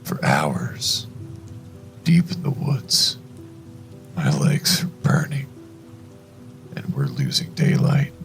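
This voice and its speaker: A man narrating a first-person horror story in a hushed, deliberate, suspenseful way, with a gravelly voice. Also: extremely low pitch, huge pitch swings, soft background music.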